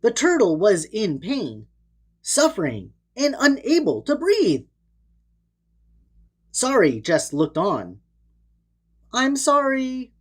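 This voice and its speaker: With frequent pauses and an unhurried pace, a woman performs expressive narration of a children's storybook in a dramatic, theatrical style. Her mid-range voice is darkish with a breathy edge, and her pitch swoops wildly.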